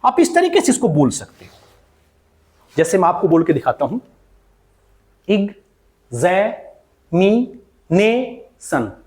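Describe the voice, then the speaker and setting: A man's voice: on the high side, wildly swooping pitch, darkish tone. A man with an Indian English accent teaching pronunciation in mixed Hindi and English, calling his viewers "beta" and repeating each word several times. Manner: slow, repeats words many times for drilling.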